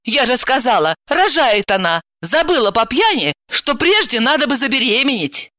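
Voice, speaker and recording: A woman voicing a hot-tempered young woman who scolds and snaps in a high, indignant voice, in a storybook reading. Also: big pitch swings, normal speed, bright, forceful tone, no echo, clean studio sound, exaggerated voice. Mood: scolding.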